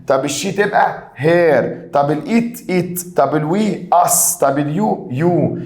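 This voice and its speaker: A man with an Egyptian accent teaching English grammar, quizzing the student and praising answers. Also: fairly high pitch. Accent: Egyptian Arabic. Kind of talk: Egyptian Arabic grammar lesson. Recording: echoey room.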